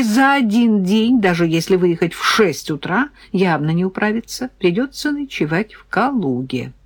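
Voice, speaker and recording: A woman's voice: fairly low pitch, a little mellow. A woman reading a novel aloud in first person, with a wry, ironic storytelling manner. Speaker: audiobook reader. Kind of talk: scripted first-person narration.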